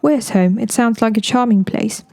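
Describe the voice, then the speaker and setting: A woman's voice: on the high side, moderate pace, a little mellow, close to an everyday voice. A woman voicing a complaining, needling young man in an audiobook, with an English accent. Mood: plaintive. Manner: plaintive, complaining.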